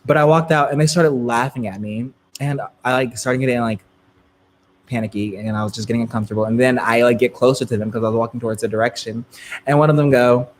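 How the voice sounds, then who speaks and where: A man's voice: mid-range voice, fairly even intonation, quick pace, slight background noise. Chatty young man telling a story. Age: 20s. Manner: chatty, filler-heavy, frequent laughs, swings between loud and soft. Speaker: live stream storyteller. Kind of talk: casual storytelling to a live chat.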